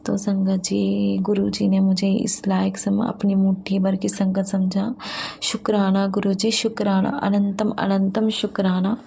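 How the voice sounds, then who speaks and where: Gravelly, flat-voiced woman sharing faith testimony. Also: medium pitch, slight background noise. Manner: halting, many fillers and restarts. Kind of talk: devotional testimony talk.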